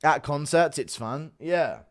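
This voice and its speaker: A man's voice: on the high side, slow. A man hosting a casual livestream, chatting to viewers with sweary, blunt banter and often breaking into giggling laughter. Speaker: livestream host.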